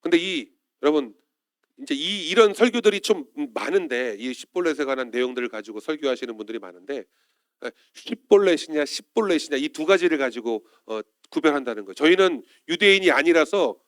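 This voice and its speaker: A man's voice: fairly high pitch, lively intonation, brisk, fairly bright tone, no room sound, studio quality. A male pastor preaching a Sunday sermon in church, often turning to the congregation with questions.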